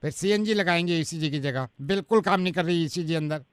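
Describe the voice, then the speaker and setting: A man plays a doctor on a radio prank call, lecturing a listener in a mock-serious voice. He talks fast in a high, smooth voice with crisp words. The sound is dry and close. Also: no room sound.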